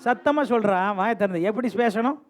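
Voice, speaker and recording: A man preaching a lively bilingual sermon in church, exhorting and teasing the congregation and repeating refrains for them to answer. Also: very high-pitched, brisk, soft background music. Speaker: pastor. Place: church sanctuary.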